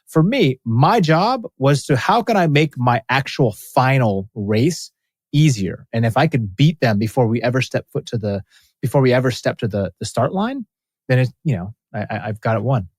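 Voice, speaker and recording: A man's voice: mid-range voice, expressive, moderate pace, dry recording, clean studio sound. A man speaking as a podcast guest about his years as a racing athlete, earnest and emphatic, often restarting his sentences. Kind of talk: casual interview conversation.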